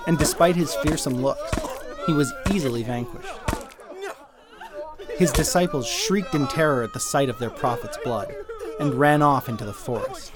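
Guy telling a dark fairy tale, measured and dry, mid-pitched voice. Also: a crowd in the background. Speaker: writer and narrator. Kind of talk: scripted storytelling narration.

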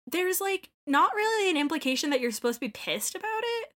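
Chatting casually about a video game, a woman sounds animated, swears freely, and acts out snippets of dialogue. Her pitch is extremely high and her pace fairly quick.

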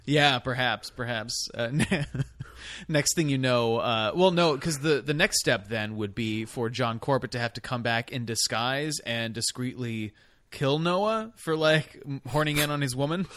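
A man's voice: mid-range voice, measured pace, a bit bright, no room sound. A man co-hosting a podcast, chatting casually in rambling bursts full of fillers. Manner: rambling, lots of fillers and quoted voices. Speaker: podcast co-host. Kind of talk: casual chat.

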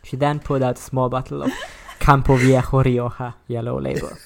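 Very low-voiced woman reading aloud. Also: flat delivery, fairly quick, vocal fry, darkish tone. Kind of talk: reading a story aloud with friends.

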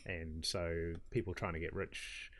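Low-voiced man from New Zealand, dry. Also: level tone, measured pace, crowd noise. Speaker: podcast co-host. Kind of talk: casual chat.

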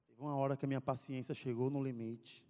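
A man with a mid-range voice talks fast while preaching to young people in a church sanctuary, where the long reverb of the hall rings out. Animated, he tells a comic story, acts out scenes, and calls out to the audience.

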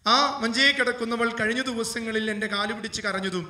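High-voiced priest guy giving an emotional sermon, sounds far from the mic in a big echoey space. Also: steady tone, fairly quick. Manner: emotional preaching, rising to loud fervent appeals. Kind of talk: sermon storytelling.

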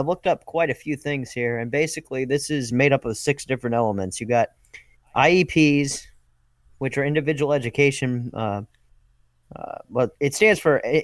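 A man's voice: mid-range voice, no echo. An American man co-hosting a podcast, chatting casually with a rambling manner, lots of fillers and restarts. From United States. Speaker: podcast co-host. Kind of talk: casual chat.

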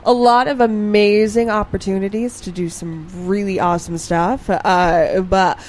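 A woman's voice: mid-range voice, fairly even intonation, a little slow, a little mellow. A woman co-hosting a casual podcast chat, her voice nasal and congested from an oncoming cold. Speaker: podcast co-host. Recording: clear background noise.

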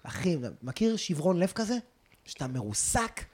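Animated, husky man telling stories. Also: sits high. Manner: animated, crude slang, constantly says "bro". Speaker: stand-up comedian guest. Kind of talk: casual storytelling chat. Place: indoor loft apartment.

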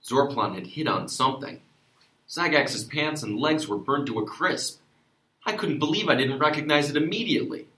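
An actor playing an exasperated, self-important sheriff who narrates a comic noir detective story. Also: male voice, fairly high pitch, animated, normal speed, sharp tone. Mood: wry, hard-boiled. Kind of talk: comic hard-boiled noir narration and dialogue. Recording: roomy echo.

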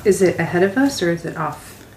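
A woman's voice: fairly low pitch, animated, brisk. A woman chatting casually as a player in a tabletop game. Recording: echoey room, faint noise.

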